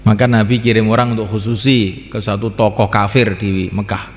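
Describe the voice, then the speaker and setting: A man's voice: on the low side, level tone, normal speed. A man preaching an Islamic sermon, repeating phrases and breaking into chanted lines. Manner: repetitive, sing-song chanting of call to prayer. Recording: reverberant hall.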